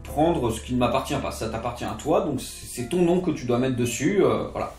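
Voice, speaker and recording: A man's voice: mid-range voice, lively intonation, fairly quick, a little mellow, lightly acted. A man voicing an earnest, modest young male lover in an echoey room. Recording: echoey room with faint guitar music.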